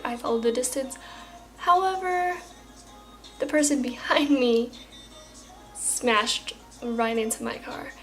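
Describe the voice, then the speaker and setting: A woman's voice: sits high, poor audio. Chatty young woman telling a story. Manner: chatty, animated retelling with lots of fillers. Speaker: vlogger. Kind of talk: casual storytime vlog.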